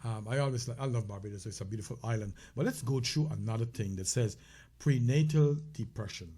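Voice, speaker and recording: A husky, mellow man with a Caribbean accent talks briskly at a medium pitch while co-hosting an informal health show. He's conversational, often restarting sentences and using fillers.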